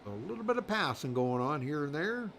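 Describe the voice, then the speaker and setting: A man's voice: fairly high pitch, sing-song, fairly quick, gravelly, fairly bright tone, a little hiss or hum. A man doing live race commentary in a rambling, folksy way, full of fillers. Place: commentary booth at a racetrack.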